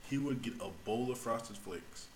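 A man co-hosting a casual podcast, telling stories and acting out the yelling. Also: mid-range voice, normal speed. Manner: storytelling, acts out yelling voices. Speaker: podcast co-host. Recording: echoey room with faint noise.

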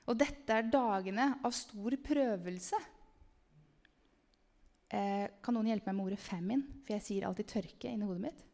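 A woman giving an animated, emphatic testimony sermon about a vision, sometimes calling out loudly to the listeners. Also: medium pitch. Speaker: speaker sharing a vision. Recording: long hall reverb.

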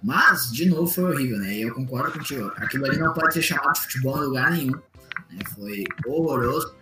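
A man's voice: medium pitch, expressive, fairly quick, loud music behind the voice. A man, co-hosting a casual sports chat in a blunt, sarcastic way and swearing freely. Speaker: podcast co-host. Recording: roomy echo.

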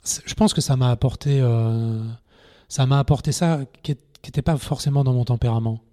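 A middle-aged man, a former poker TV presenter, talking casually as a podcast guest and acting out anecdotes with lively energy. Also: medium pitch, fairly quick. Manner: animated storyteller, acts out scenes in shouts.

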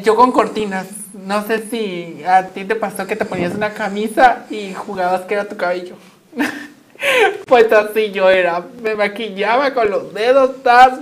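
A young woman with a Mexican accent, a guest telling personal stories in an animated, chatty way with frequent fillers and laughs. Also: mid-range voice. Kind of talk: personal storytelling in conversation.

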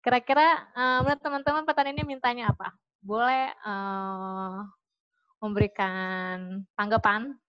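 A woman's voice: mid-range voice, steady tone, moderate pace, clean tone, no echo, lo-fi sound. A woman hosting a community session, casually telling a story to the group and asking them questions, with many fillers and restarts. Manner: chatty, with many "gitu kan" fillers and restarts.

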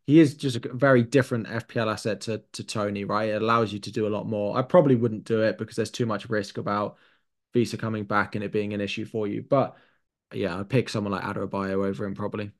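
A British man speaks as a guest pundit on a chatty podcast. His voice sits somewhat low. He reasons out loud in long, winding turns, weighing one choice against another. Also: fairly even intonation, fast talker. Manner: thinks aloud at length, weighing options. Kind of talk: casual podcast analysis.

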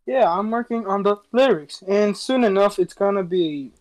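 A man's voice: sits high, moderate pace, a little mellow. Laid-back joking young man. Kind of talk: casual chat.

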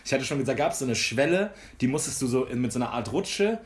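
A man's voice: mid-range voice, animated, fast. Slangy young man telling stories. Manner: slangy, rambling storyteller with frequent restarts. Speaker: podcast co-host. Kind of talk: casual chat.

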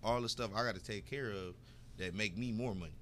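A man's voice: fairly low pitch, fairly quick, fairly bright tone, slight background noise. A man with a Detroit accent co-hosting a podcast in casual, profane chat, acting out quoted voices. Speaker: podcast co-host.

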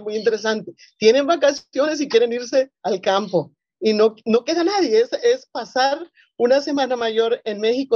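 A woman's voice: a little high, a little mellow, dry recording, dull audio. A woman from Colombia, a pastor, speaking earnestly on a panel with many fillers and restarts. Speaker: presbyterian pastor. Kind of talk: panel discussion.

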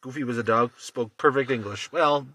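A man's voice: mid-range voice, moderate pace, bright, forceful tone, no room sound. A man quizzing a friend in casual podcast banter, teasing and swearing freely. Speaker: quiz host.

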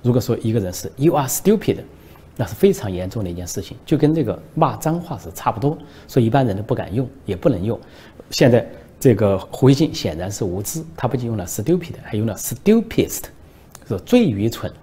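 A man from China hosting a political commentary show, with a fairly low voice. His tone is mellow and soft rather than bright. He explains things step by step and slips jokes into his talk as little stories. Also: sing-song, brisk, breathy edge. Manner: explanatory, tells jokes as anecdotes. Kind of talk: commentary livestream.

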